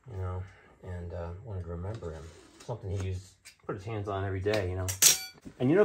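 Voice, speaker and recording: A man's voice: lowish voice, darkish tone, a little hiss or hum. A middle-aged man talking casually while he works on a costume piece in a cluttered home workshop, rambling and thinking aloud, picked up by a camera mic a little way off. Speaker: costume maker and vlogger.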